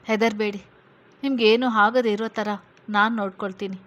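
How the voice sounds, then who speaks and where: A woman voicing a protective male police officer who reassures a frightened witness in a steady, firm way. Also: mid-range voice, normal speed, lightly acted. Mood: reassuring.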